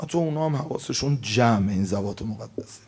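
A man's voice: expressive, darkish tone, slightly rough. Impassioned male preacher. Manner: impassioned, rises to emphatic outbursts then drops low. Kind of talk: religious sermon.

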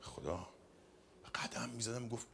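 A man giving an emotional religious storytelling talk to young people, swinging from loud emphatic lines to soft hushed ones. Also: mid-range voice, creaky, a little hiss or hum. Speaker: religious speaker.

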